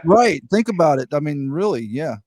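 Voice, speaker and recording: A man's voice: fairly high pitch, very animated, crowd noise. Easygoing man in his fifties. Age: 50s. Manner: easygoing, joking, asks quick questions. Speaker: podcast host. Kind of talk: casual interview chat.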